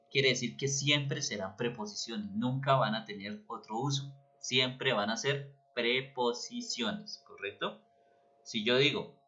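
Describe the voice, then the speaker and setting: A man's voice: medium pitch, pushed and bright. A man teaching a grammar lesson, patiently explaining and often checking that students follow. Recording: dull lo-fi recording.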